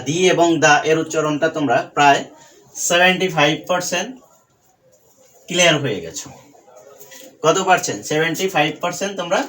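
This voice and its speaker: A man's voice: on the high side, a bit bright. A young man teaching an online English grammar lesson, patiently repeating key points and quizzing his students.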